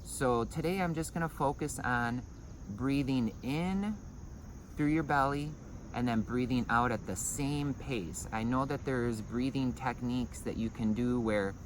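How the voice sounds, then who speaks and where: A man's voice: medium pitch, measured pace, slight background noise, low-quality recording. A man giving an informal breathing and meditation lesson, explaining in hesitant phrases with repeated words. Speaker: breathing meditation and Qigong instructor.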